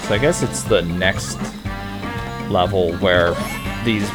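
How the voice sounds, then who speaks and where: A man's voice: sits low, slow. A man casually commenting while playing a video game, rambling and thinking aloud. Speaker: let's play host. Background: game music.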